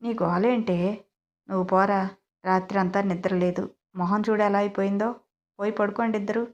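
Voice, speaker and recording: A woman voicing a gruff, easygoing old grandfather brushing off a fuss. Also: medium pitch, steady tone, normal speed, a little mellow, lo-fi sound, lightly acted. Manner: gruff, dismissive.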